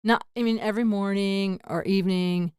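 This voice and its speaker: A woman's voice: mid-range voice, fairly even intonation, moderate pace, darkish tone, smooth, dry recording, clean studio sound. Frank, chatty middle-aged woman host. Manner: frank, rambling, laughs often. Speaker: podcast host. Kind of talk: candid casual interview chat.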